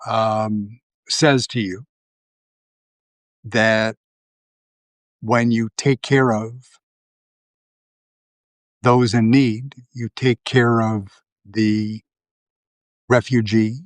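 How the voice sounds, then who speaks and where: Guy on his livestream, slow drawn out talk, rambles with tons of uhs, dry little room. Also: fairly low pitch, fairly even intonation, dry recording. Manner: rambling, many fillers and restarts. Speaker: livestream host. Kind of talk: casual political commentary.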